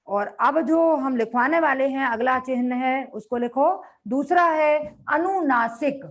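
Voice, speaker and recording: A woman teacher giving a grammar lecture, dictating notes slowly and repeating phrases, asking the class questions and answering them herself. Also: high-pitched. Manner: slow, repeats phrases for note-taking.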